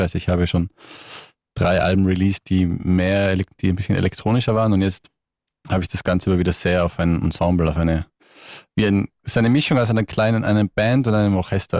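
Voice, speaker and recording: A man, very low-pitched and speaking in a thoughtful way that keeps restarting. He sounds dry and close, as a guest in a radio studio. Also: a little mellow, dry recording. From Tyrol, Austria. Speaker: guest musician. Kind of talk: relaxed radio interview.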